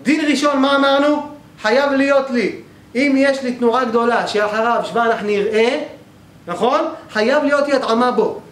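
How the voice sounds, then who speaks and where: Male teacher, high-pitched, lectures methodically and keeps checking in with students; roomy, echoey sound with faint noise behind. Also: fairly bright tone. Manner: explains step by step, often checks with the class. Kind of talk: grammar class lecture. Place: synagogue hall.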